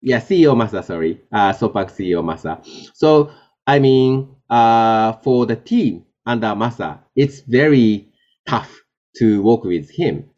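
A man from Japan, a Japanese native speaker, answering interview questions in halting English with many fillers and restarts. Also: mid-range voice, lively intonation, a little mellow. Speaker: guest, tech executive. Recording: dull lo-fi sound.

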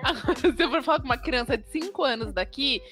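A woman's voice: sits high, quick pace, over music. A woman, a podcast guest chatting casually and playfully acting out little exchanges. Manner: animated storyteller, mimics voices, playful.

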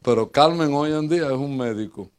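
Older Puerto Rican pastor, joking preacher. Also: male voice, fairly quick, clean tone. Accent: Puerto Rican Spanish. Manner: lively, joking storyteller who swings between loud bursts and low asides. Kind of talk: humorous preaching with personal stories.

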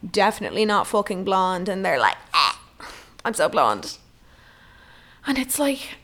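A woman hosting a casual solo podcast, rambling and swearing freely, with lots of "like". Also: a little high. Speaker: podcast host.

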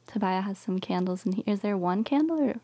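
A woman hosting a casual podcast in a small home studio, chatty, with frequent ums and quick laughs. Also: medium pitch, lively intonation, dark tone. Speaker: podcast host.

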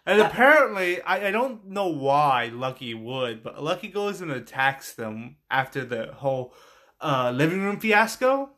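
A man with a slightly raised voice drops quick quips and remarks into a friend's retelling. He laughs readily and keeps the tone light and playful. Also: on the high side, sing-song, bright, forceful tone. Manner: chimes in with quick jokes and asides, laughing easily. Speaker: podcast co-host. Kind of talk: casual chat.

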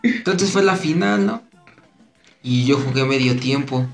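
A man's voice: medium pitch, animated, a little slow, gravelly, soft background music. A man with a Mexican accent, joking crudely and laughing as he swaps stories with friends. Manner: laughs often, swears a lot. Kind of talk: casual crude joking banter. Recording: echoey room.

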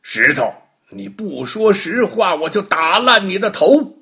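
Storybook judge, as a man puts him on, stern and booming, with a gravelly voice. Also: sing-song, slow pace, fairly bright tone, heavily acted. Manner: commanding, stern. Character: stern wise official judge, grown man.

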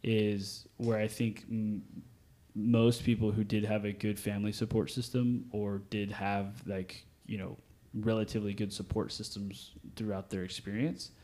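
A man with a fairly low voice co-hosts a relaxed podcast conversation. He rambles, restarting his sentences and leaning on fillers as he works through his thoughts. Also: moderate pace. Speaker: podcast co-host. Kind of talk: casual podcast chat.

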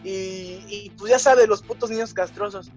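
A young man with a Mexican accent tells an embarrassing school story in crude, slang-filled casual chat. His voice sits high, and he slips into the voices of the people in it. Faint guitar music plays behind him. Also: very animated, a little slow, creaky, highs cut off. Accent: Mexican Spanish. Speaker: podcast co-host.

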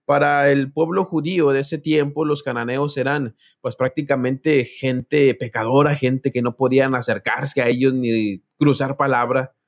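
A man's voice: mid-range voice, fairly even intonation, measured pace, few pauses. A man preaching a sermon, telling a personal story, reading scripture aloud and speaking directly to his listeners.

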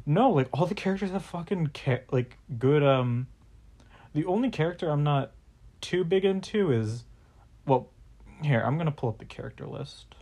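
A man's voice: on the high side, animated, moderate pace, mellow. A young man hosting a casual podcast, rambling with lots of fillers and offhand swearing. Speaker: podcast host.

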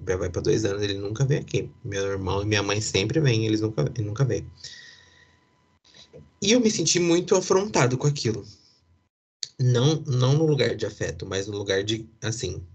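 A man's voice: lowish voice, husky. A young man, casually telling a personal story with lots of fillers and asides. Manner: chatty, many fillers and asides, occasional laughs.

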